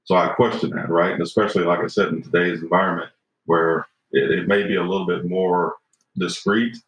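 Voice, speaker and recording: Low-pitched but fairly bright in tone, a fifty-something man speaks briskly and steadily as a podcast guest. He's earnest and reflective, regularly asking "right?" and saying "you know". The recording sounds roomy, dull and lo-fi.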